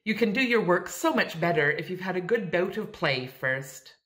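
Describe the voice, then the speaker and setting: A woman's voice: on the low side, animated, moderate pace, fairly bright tone, pitched above the performer's own voice. A woman reading aloud, voicing a bold, slangy young woman in a raised, emphatic voice. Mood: teasing.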